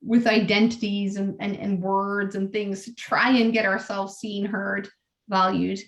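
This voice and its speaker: A woman's voice: mid-range voice, little pitch movement, measured pace. Earnest woman guest, roomy echo. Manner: earnest, repeats words and restarts often. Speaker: guest speaker. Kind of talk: casual conversational interview.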